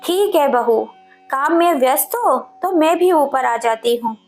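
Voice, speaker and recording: A woman voicing a gentle, trusting elderly widowed mother who talks in a soft, pleading tone. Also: sits high, animated, a little slow, faint music behind.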